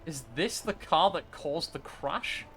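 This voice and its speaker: A man giving chatty, excitable let's-play commentary, reading game dialogue and joking aside. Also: on the high side, slow, faint music behind. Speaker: gaming streamer.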